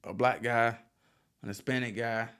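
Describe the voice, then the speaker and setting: A podcast host with a mid-range, fairly bright voice talks loosely at a moderate pace with fairly even intonation. His casual chat is full of swearing and frequent laughter.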